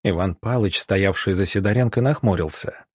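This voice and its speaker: Low husky male audiobook narrator. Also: normal speed, no echo, clean studio sound. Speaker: audiobook reader.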